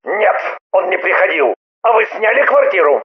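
A woman's voice: medium pitch, sing-song, moderate pace, phone-quality sound, lightly acted. A woman reading an audiobook and voicing a wry, teasing middle-aged man who argues stubbornly. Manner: dry joking, stubborn. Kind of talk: audiobook character voice.

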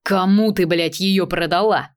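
A woman's voice: mid-range voice, animated, moderate pace, natural voice. A woman voicing an angry, crude young man who growls his lines while reading a story aloud. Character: furious young rich guy, a snarling hothead.

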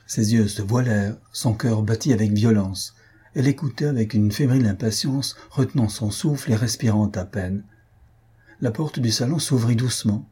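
A man reading a classic novel aloud as a narrator, with a measured, even delivery. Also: lowish voice, slightly rough. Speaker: audiobook narrator. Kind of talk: scripted narration.

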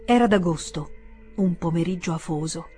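A woman narrating a literary audiobook in a measured, even way. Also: on the low side, faint music behind. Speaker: audiobook reader.

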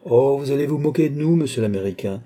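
A man reading an audiobook who voices a lively, playful young queen with an exuberant manner. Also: normal speed, slightly rough, close to an everyday voice. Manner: exuberant, raised pitch.

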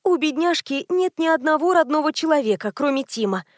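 A woman voicing a gentle middle-aged woman who speaks in a smooth, placating way in an audiobook. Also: high-pitched, expressive, brisk, dry recording, studio quality, pitched above the performer's own voice.

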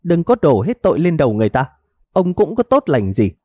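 A shrill, hot-tempered middle-aged village wife, as a male narrator puts her on, nagging and wailing in a high, piercing voice. Her pitch leaps about wildly over a dark, mellow tone, heard up close in a dry recording. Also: animated, moderate pace, no room sound. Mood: scolding. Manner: scolding, wailing melodramatically.

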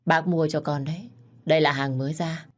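A woman's voice: sits low, steady tone, a little fast, close to an everyday voice. A woman voicing a stern, haughty older mother-in-law with a cold, scolding manner. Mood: cool.

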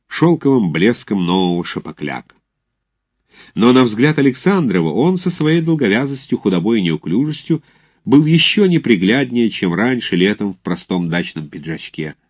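A male audiobook narrator with a very low voice that moves freely through its range. He reads classic prose with theatrical expression. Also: a little mellow.

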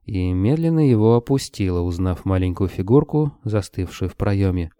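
A male audiobook narrator telling a dark fantasy tale in a steady way. His voice is low and dark, with a mellow tone. The recording is dry and close to the mic. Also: moderate pace, clean tone, no echo.

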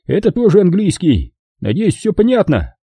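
A man voicing a sarcastic American robber from Boston who explains things slowly and patiently. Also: high voice, huge pitch swings, dark tone, slightly rough, dry recording, clean studio sound, pitched above the performer's own voice, full character voice. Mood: wry.

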